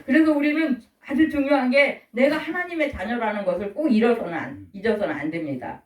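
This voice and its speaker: A woman's voice: on the high side, a little fast. A middle-aged woman preaching a sermon, asking the listeners questions and acting out the voices she quotes. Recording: echoey room from far off.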